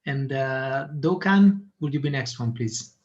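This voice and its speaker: A man's voice: mid-range voice, lively intonation, a little slow. A man moderating an online meeting, politely calling on each participant in turn with brief prompts. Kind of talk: calling on participants in a video call. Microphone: video call. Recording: dull lo-fi call audio.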